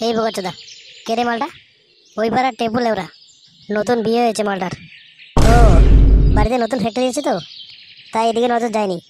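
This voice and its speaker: A woman voicing a scheming, foul-mouthed male milk seller in a cartoon, cursing fast and crudely. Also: on the high side, fairly even intonation, noisy background. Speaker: cartoon voice performer.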